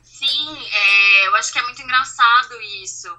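A woman's voice: on the high side, normal speed, heavy background noise. A young Brazilian woman with a Brazilian Portuguese accent, a podcast guest telling stories animatedly and acting out dialogue. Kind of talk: casual chat.

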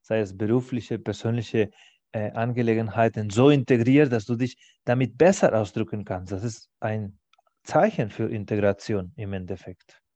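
Hosting a German-language podcast as a casual interview chat, a man whose native tongue is Spanish talks thoughtfully, pausing and hunting for words. He has a fairly low, mellow voice. The sound is dull, dry and muffled, without echo.

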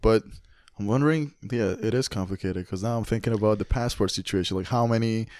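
A man with a somewhat low voice hosts a relaxed interview. He teases his guest often and laughs at his own quips, and his voice is recorded close with a dry sound. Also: a little fast, dry recording. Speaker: host. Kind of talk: casual interview chat.

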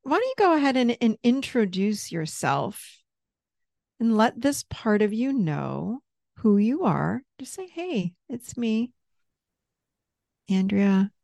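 A woman therapist gently guiding someone through a parts-work session with patient, step-by-step prompts. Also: fairly high pitch, very animated, slow pace, creaky, no room sound, studio quality.

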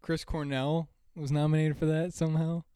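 A man's voice: a little high, moderate pace, clear, resonant tone, no room sound, clean studio sound. Young man telling a casual story. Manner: relaxed storytelling, runs down lists. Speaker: podcast co-host. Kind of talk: casual podcast chat.

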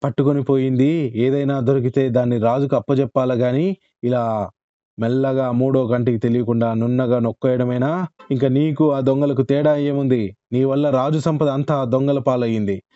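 A man's voice: mid-range voice, steady tone, moderate pace, mellow, no echo, lo-fi sound, close to an everyday voice. A man voicing angry royal soldiers who scold and threaten a captured villager in a folk tale.

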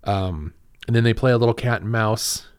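A man's voice: on the low side, normal speed, smooth. A man casually recapping a film on a podcast, rambling with lots of restarts and enthusiastic asides. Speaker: podcast host.

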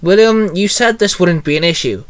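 A man voicing a sharp-tongued, stern female cosmic being in a fan fiction reading. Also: high voice, moderate pace, dry recording, voice pushed up, natural voice. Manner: stern, growling. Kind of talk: fan fiction read aloud.

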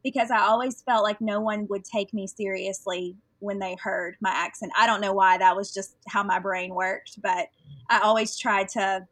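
This is a woman in her thirties with a gentle Southern US accent, speaking as a podcast guest. Her voice sits at an ordinary middle pitch and sounds close and dry. She tells her story in a chatty, earnest, unhurried way. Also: level tone, dry recording, low-quality recording. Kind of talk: casual interview chat.

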